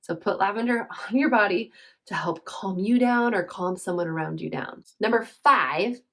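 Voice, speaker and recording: A woman's voice: medium pitch, normal speed, fairly bright tone. A woman, a mother, chatting casually through home remedy tips, earnest and chatty, often searching for words. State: briefly teary. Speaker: essential oils seller. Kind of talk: casual how-to chat.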